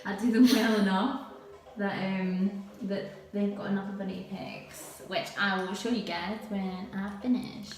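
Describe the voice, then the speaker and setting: A woman's voice: mid-range voice, steady tone, a little slow, hardly any pauses, roomy sound. A woman nail technician giving a chatty live tutorial, quizzing and teasing her viewers.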